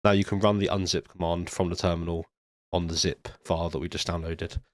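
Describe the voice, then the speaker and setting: A man's voice: deep voice, fairly quick, no room sound. A man narrating a screen-recorded coding tutorial step by step, ill and with a nasal, stuffy voice, speaking into a studio microphone. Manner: steady step-by-step explaining with occasional ums. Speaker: tutorial presenter. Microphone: studio USB microphone.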